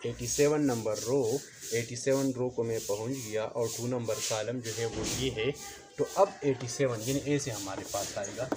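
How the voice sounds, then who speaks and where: A man teaching a math lesson, explaining slowly, repeating each step and counting aloud. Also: mid-range voice. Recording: noticeable background noise.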